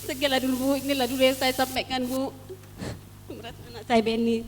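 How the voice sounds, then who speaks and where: A woman's voice: sits high, flat delivery, a little fast, big-room sound, a little hiss or hum. A woman giving a fervent, pleading church testimony, sometimes near tears. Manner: fervent, pleading, at times tearful.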